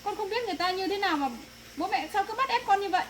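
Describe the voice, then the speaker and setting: A woman's voice: very high voice, racing, a bit bright, a little hiss or hum. A young woman acting as a daughter who pleads against and refuses a forced marriage. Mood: pleading. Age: young adult. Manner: pleading, defiant. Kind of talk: family drama acting.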